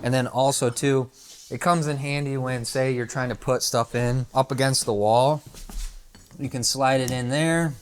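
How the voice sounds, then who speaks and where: A man's voice: mid-range voice, steady tone, moderate pace, slight background noise. A man who works as a contractor, casually talking through measurements and flooring steps inside a house under renovation. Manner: plain-spoken, talks through numbers step by step. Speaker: flooring contractor and channel host. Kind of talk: casual how-to instruction on a job site.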